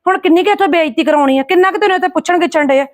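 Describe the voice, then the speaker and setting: Fast, scolding woman. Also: extremely high pitch, no echo, clean studio sound. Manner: scolding, sharp-tongued. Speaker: lead actress, angry mother. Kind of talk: scripted family drama acting.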